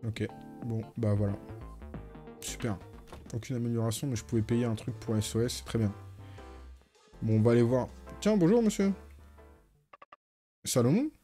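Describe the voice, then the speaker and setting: A man's voice: lowish voice, moderate pace, pauses often, faint music behind. A man streaming a video game, chatting casually and thinking aloud as he plays. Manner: relaxed, thinking aloud with fillers.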